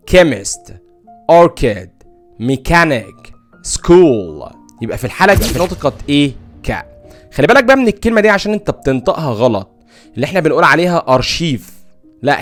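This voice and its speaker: A man with an Egyptian Arabic accent teaching English pronunciation, reading out word lists slowly and repeating words clearly. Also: on the high side, a bit bright. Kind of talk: recorded language lesson.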